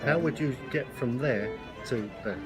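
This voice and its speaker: A man's voice: medium pitch, a little slow. An older man with an English accent chatting casually, asking lots of questions and laughing easily. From England. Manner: laughing, curious, asks many questions. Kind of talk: casual chat. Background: loud music and crowd.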